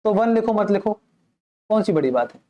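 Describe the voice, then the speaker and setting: With dull audio, this maths teacher's voice sits high and dark yet expressive, moving at a moderate pace. He explains the lesson patiently, asking and answering his own questions, restating key points, and staying polite toward his listeners.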